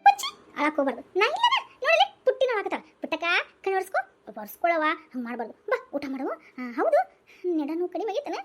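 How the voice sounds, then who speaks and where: A woman's voice: very high-pitched, huge pitch swings, fast, exaggerated voice. A woman playing a doting grandmother with a lilt. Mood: soothing. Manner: soothing, coaxing. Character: kindly older grandmother fussing over granddaughters.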